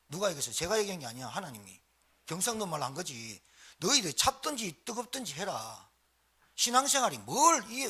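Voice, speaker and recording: A man's voice sits high, slightly rough, with a sharp tone. He is a pastor preaching a live sermon in a church sanctuary, spurring the congregation with short repeated phrases and calls for response.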